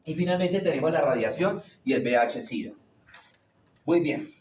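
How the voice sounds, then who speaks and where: A man's voice: fairly high pitch, expressive, normal speed, darkish tone, a little hiss or hum. A man teaching a classroom lecture, asking the class questions and answering them himself. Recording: roomy echo, distant from the mic.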